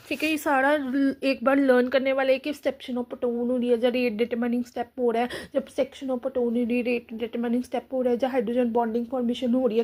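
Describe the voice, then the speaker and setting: A woman tutor giving a casual online chemistry lesson, reading lines slowly and repeating each step. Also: high voice. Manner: reads textbook lines slowly, repeats steps, many fillers.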